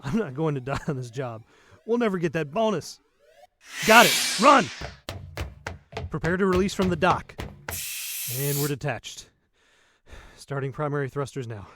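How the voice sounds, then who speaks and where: A man's voice: on the high side, animated, normal speed, over music, close to an everyday voice. A man playing a brash, sarcastic spaceship salvage worker. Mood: urgent. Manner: sarcastic, practical. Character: brash, dismissive, money-minded male spaceship salvage worker. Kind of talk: science fiction audio drama.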